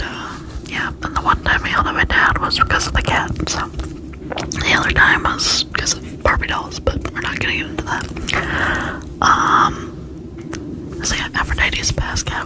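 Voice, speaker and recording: A woman's voice: rumbling low, poor audio. Whispering woman, tingly ASMR mouth articulation. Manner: soft unvoiced whisper, repeating words slowly. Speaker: ASMR video creator.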